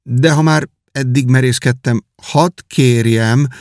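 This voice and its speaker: A man's voice: mid-range voice, a little mellow, dry recording, clean studio sound, voice pushed up, lightly acted. A man voicing a humble, devoted young whipping boy who speaks in an earnest, imploring way. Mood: pleading.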